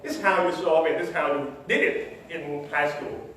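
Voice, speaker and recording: Male conference presenter, high-pitched, teaching slowly with "okay?" checks, recorded far off in a very echoey hall. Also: fairly bright tone, a little hiss or hum. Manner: explains step by step, repeats phrases, ends points with "okay?" and "right?". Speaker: tech conference speaker. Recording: echoey hall, distant mic.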